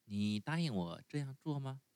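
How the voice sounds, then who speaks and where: A man voicing a gentle, motherly fairy woman in a calm, soft way of speaking. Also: medium pitch, moderate pace, clean tone, no echo, pitched above the performer's own voice.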